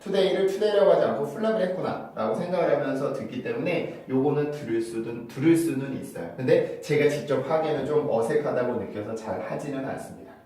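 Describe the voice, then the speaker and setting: A man teaching English pronunciation in a spoken lesson, explaining step by step and slowly repeating example sentences. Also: mid-range voice, dark tone. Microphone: phone camera with clip-on mic. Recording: echoey room, mic at a distance.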